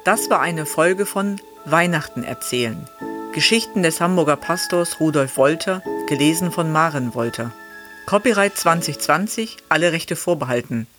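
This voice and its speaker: A woman reading a children's Christmas story aloud, with calm, gentle storytelling. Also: sits low, moderate pace, music in the background. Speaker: reader. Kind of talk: scripted storybook narration.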